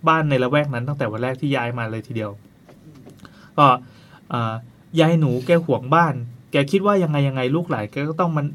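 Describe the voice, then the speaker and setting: A man's voice: mid-range voice, fairly quick, a bit bright, slight background noise. A man narrating a ghost story in a casual, chatty way, tossing playful asides to his co-host.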